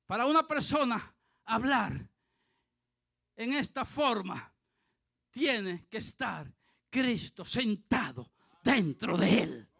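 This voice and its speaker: A male pastor preaching a fervent sermon, dotting it with hallelujahs and rising to shouts. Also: very high voice, animated, slow pace, gravelly, pauses often, no room sound, studio quality. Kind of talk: impassioned sermon.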